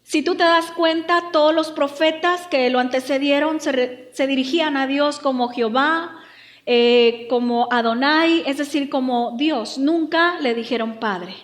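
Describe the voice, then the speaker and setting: A woman pastor preaching a lively, humorous sermon. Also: sits high, measured pace, reverberant. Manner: lively, humorous, acts out quotes.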